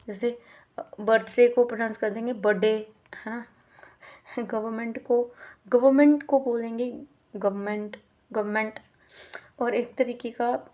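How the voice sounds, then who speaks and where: A woman's voice: a little high, a little mellow. A young woman teacher giving an explanatory lecture, code-switching between Hindi and English and often checking in with the listener. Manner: explanatory, mixes Hindi with English phrases, frequent check-ins.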